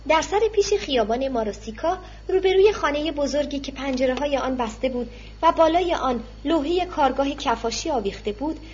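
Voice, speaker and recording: A woman with a high voice narrates a novel in a steady, measured way. Her reading is scripted and even. The recording sounds dull and lo-fi, with a faint hiss underneath. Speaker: audiobook narrator.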